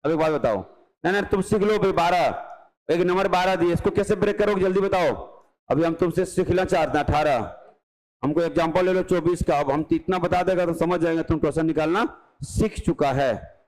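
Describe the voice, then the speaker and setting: A male math teacher giving an exam-prep lecture, brisk and coaxing, often acting out his students' questions and answering them. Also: fairly high pitch, fairly even intonation, darkish tone, low-quality recording.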